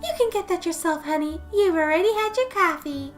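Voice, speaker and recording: A woman's voice: very high-pitched, animated, brisk, faint music behind, pitched above the performer's own voice. A woman voicing a doting young wife with a syrupy sweet, cooing voice.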